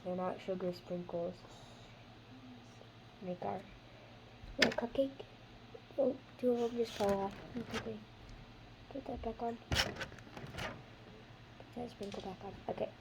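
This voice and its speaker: Slightly hoarse chatty female craft host. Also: medium pitch, noisy background. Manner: chatty, rambling, trails off mid-sentence. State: slightly hoarse, losing her voice. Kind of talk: casual how-to chat.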